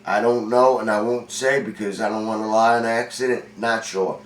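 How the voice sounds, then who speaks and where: A vlogger from Long Island, New York, forty and congested, delivers a casual storytelling monologue about his life, full of rambling street talk and profanity. His voice runs lowish with fairly even intonation at a moderate pace, captured roomy and far from the mic in a windowed indoor room.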